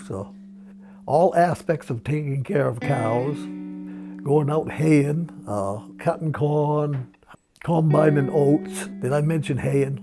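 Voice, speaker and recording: A grandfather in his 70s from Maine, USA, reminisces about his life in an interview, using dry humor. His voice is mid-range, and acoustic guitar music plays in the background.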